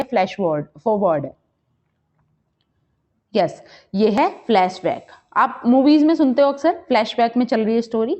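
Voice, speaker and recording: A woman teacher running a quiz lesson, reading questions slowly and explaining quickly. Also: sits high, lo-fi sound. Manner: reads questions slowly, explains quickly in Hindi-English mix. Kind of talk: exam-prep quiz lesson.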